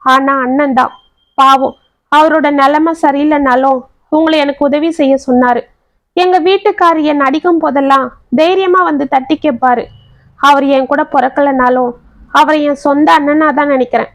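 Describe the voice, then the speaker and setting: A woman's voice: high voice, fairly even intonation, normal speed, no room sound. A woman voicing a young wife in a story, speaking in an emotional, pleading way. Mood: grateful. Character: young wife, tearful and remorseful.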